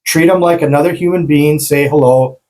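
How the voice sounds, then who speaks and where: A man's voice: a little high, steady tone, a little fast, mellow, rough recording. A man from rural Wisconsin, co-hosting a casual podcast chat, ranting heatedly and swearing freely. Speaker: podcast co-host.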